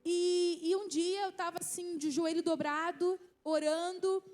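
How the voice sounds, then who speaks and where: Woman, 30s, Carioca accent, high voice, church youth service speaker, earnest testimony. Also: steady tone, a little slow, a little mellow. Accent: Carioca Brazilian Portuguese. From Rio de Janeiro, Brazil. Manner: earnest storytelling, many restarts and "né?" asides.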